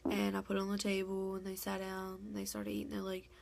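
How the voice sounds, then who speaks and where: A woman's voice: mid-range voice, completely flat delivery, fast talker, vocal fry. Rambling young woman telling a story. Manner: rambling, full of "like" and "um", quoting others. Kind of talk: casual personal storytelling.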